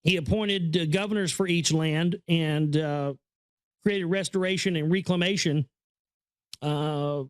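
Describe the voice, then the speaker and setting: A man with a fairly high, smooth voice reads aloud and talks through the book in a rambling, stammering way, repeating phrases with earnest awe. His tone is steady and his pace measured. No room sound.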